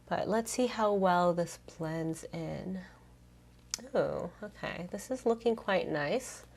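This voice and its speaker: A woman with a voice a little on the low side speaks casually as a beauty vlogger. She walks viewers through makeup products in a chirpy, upbeat haul style, reacting as she tries each one.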